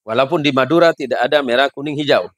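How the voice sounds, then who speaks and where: A man preaching at a wedding gathering, a lively storyteller mixing jokes with advice. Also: mid-range voice, fast, no echo.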